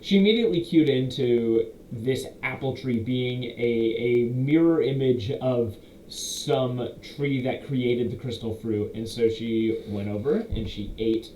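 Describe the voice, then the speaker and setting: The speaker is a young man, mid-range in pitch and dark in tone, recapping a tabletop campaign he game-mastered. He rambles casually, fixes his own mistakes as he goes, and drops in brief player quotes, all with roomy echo and light hiss.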